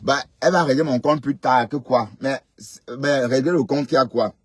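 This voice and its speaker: A man with a husky, breathy voice and an ordinary mid pitch talks casually to his live audience. He is emphatic, repeats his points and keeps asking whether everyone agrees. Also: moderate pace, no echo. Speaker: livestream host.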